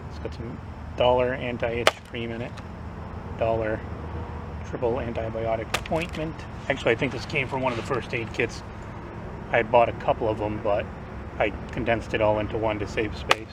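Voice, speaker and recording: Talking casually to camera about survival gear, a man sounds slightly off because of a recent tooth extraction. He uses a mid-range voice with fairly even intonation, moderate pace and frequent pauses, recorded on a distant mic with noisy outdoor sound around him.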